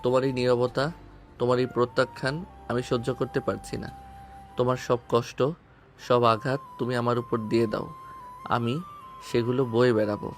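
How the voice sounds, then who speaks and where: An actor with a Bengali accent playing a devoted young husband who speaks softly and earnestly in an audio story. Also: male voice, medium pitch, little pitch movement, moderate pace, long pauses, soft background music, lightly acted. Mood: pleading. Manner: soft, earnest and tender.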